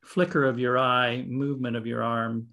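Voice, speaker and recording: A man's voice: mid-range voice, flat delivery, normal speed, bright, forceful tone. A man hosting a podcast interview, curious and eagerly framing his questions. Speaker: podcast host.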